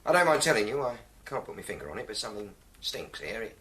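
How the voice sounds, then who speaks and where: An actor playing a blustering, easily flustered police inspector in a radio drama, plain-spoken and stammering. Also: male voice, on the low side, very animated, fast talker, fairly bright tone. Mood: grumbling, suspicious.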